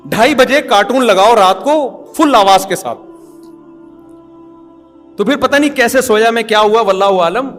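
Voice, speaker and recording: Middle-aged man, high pitched voice, amused chuckling storyteller, casual talk. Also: normal speed, pauses often, fairly bright tone, faint music behind. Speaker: father telling a family story. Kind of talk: humorous anecdotal talk.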